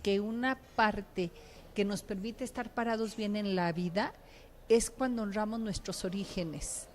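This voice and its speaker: A woman with a Mexican accent hosting a casual interview, lively and chatty, often affirming her guest. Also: medium pitch, unhurried, slight background noise. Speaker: host.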